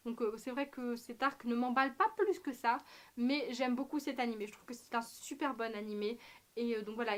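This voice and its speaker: A young woman with a fairly high voice chats to her camera in a loose, unscripted vlog. She plays up her delivery with ironic, exaggerated emphasis, drops in slang and fills pauses with lots of ums. It sounds like a home room recorded on the camera's own mic. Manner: animated, ironic, exaggerated, slangy, many fillers. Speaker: anime vlogger.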